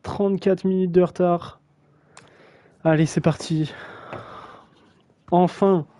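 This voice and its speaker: A man's voice: high voice, fairly even intonation, slow, dark tone, poor audio. Slangy young man commentating a match. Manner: slangy, self-mocking, stumbles over names. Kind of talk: casual live-stream match commentary.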